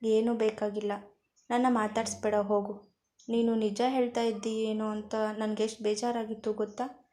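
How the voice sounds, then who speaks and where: A woman's voice: high voice, animated, unhurried, voice pushed up. A woman reading as a sulky young wife. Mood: sulking. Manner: soft, hurt, sulking.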